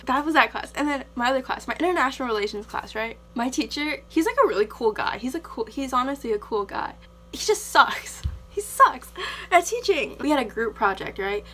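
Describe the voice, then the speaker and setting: A young woman with an American accent and a fairly high voice vents in a casual vlog style. She is exasperated and emphatic, chatty and full of "like". There is clear noise and a hum behind her. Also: quick pace, hardly any pauses, fairly bright tone. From United States. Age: young adult. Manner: exasperated, emphatic, conversational with frequent 'like'. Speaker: vlogger, exchange student. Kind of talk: casual rant to camera.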